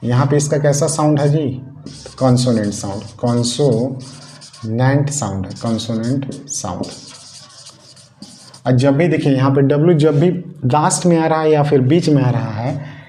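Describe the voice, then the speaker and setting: A man's voice: medium pitch, normal speed, mellow. A man teaching a grammar lesson, explaining step by step, repeating key points and putting questions to his students. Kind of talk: Hindi classroom-style grammar lesson. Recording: echoey room with faint noise.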